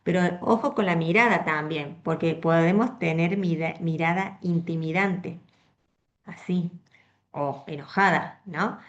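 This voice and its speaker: A woman with a Rioplatense Spanish accent giving a conversational, expressive Bible talk to a women's meeting, often checking in with her listeners. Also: lowish voice, unhurried, muffled recording. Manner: conversational, frequent tag questions, expressive. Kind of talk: Bible teaching to a women's group.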